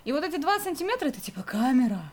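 A woman's voice: high-pitched, very animated, rapid-fire. A young woman with a slightly raised voice chats casually as a podcast co-host. She rambles and circles back, padding her speech with fillers and laughing easily. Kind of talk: casual nostalgic chat.

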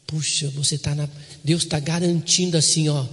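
High-voiced pastor preaching in a hall. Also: male voice, flat delivery, fairly bright tone. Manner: reads scripture slowly, repeats words, asks the congregation to respond. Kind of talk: sermon. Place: church broadcast on radio. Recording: long hall reverb.

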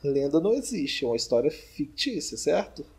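A man's voice: on the high side, very animated, brisk, darkish tone, slightly rough. A young man with a Brazilian accent hosting a podcast, joking and teasing in casual chat. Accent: Brazilian Portuguese. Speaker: podcast host.

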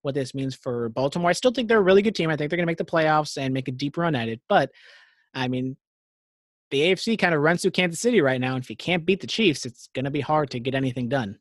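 A man's voice: fairly high pitch, lively intonation, fast talker, dry recording. Dry-voiced man previewing football picks. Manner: runs through game previews, teasing banter. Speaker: podcast co-host. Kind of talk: casual sports picks chat.

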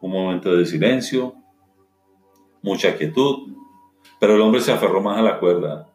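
A man with a lowish voice tells a parable dramatically and then exhorts his listeners. The room is echoey, and faint music runs underneath. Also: lively intonation, normal speed, darkish tone. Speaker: motivational speaker. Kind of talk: storytelling with a moral.

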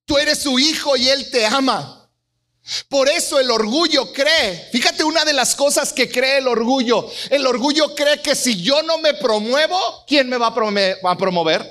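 A middle-aged man preaching a sermon, telling stories and acting out voices with big swings in pitch. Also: unhurried, bright, forceful tone. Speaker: pastor.

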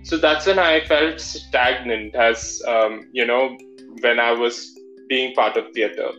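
A man's voice: mid-range voice, fairly even intonation, slow, a bit bright, faint music behind. Man with a Malayali accent, dull audio. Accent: Malayali Indian English. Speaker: interview guest, drag performer. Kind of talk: personal storytelling in an interview.

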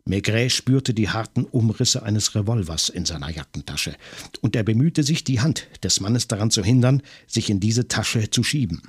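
A man narrating a crime audiobook in a measured, tense storytelling manner. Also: fairly low pitch, animated, slightly rough, no room sound, clean studio sound.

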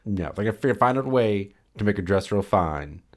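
Profane animated man recapping a show. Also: on the low side, normal speed. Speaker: podcast co-host. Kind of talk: casual TV recap chat.

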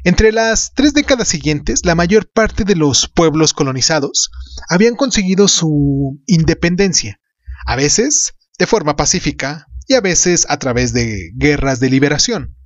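A man's voice: a little high, expressive, measured pace, dry recording, lo-fi sound. A man hosting a podcast, reading scripted history narration. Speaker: podcast host.

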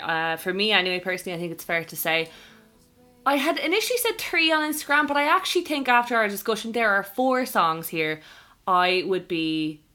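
Irish woman cohosting a chatty podcast, bright upbeat voice. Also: on the low side. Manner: chatty, enthusiastic. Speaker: podcast co-host. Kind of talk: casual podcast chat.

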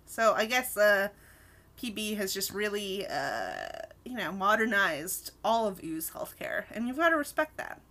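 A woman's voice: mid-range voice, measured pace. A woman co-hosting a podcast, chatting casually and with enthusiasm as she reviews a cartoon episode and steers the talk. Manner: animated, enthusiastic, leads the conversation. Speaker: podcast co-host.

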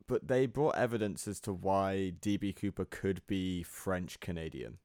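Male podcast co-host, deep voice, rambling casual delivery, dry studio sound. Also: unhurried, darkish tone, dry recording. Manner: rambling, laughs easily. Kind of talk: casual chat.

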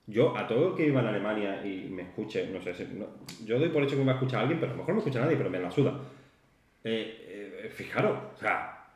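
A man's voice: lowish voice, quick pace, a little hiss or hum. Joking man, echoey room. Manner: joking, animated storytelling with put-on quoted voices. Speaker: podcast co-host. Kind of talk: casual chat. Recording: roomy echo.

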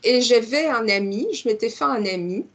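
A woman's voice: fairly high pitch, moderate pace. A woman who is a podcast guest, talking at length in a chatty, expansive way with many small restarts. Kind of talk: casual podcast conversation.

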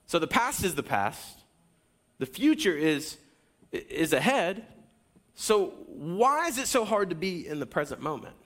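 A man giving a sermon as a pastor, preaching energetically with wide swings in pitch and loudness and talking straight to the congregation. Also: very animated, a little slow. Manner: addresses the congregation directly, with asides and a coaching tone.

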